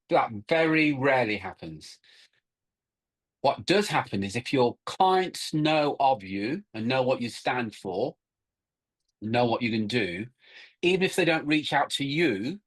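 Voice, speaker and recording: Husky middle-aged man presenting a webinar. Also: mid-range voice, fairly bright tone. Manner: emphatic, repeats words, restarts often. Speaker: co-host of recruiting workshop.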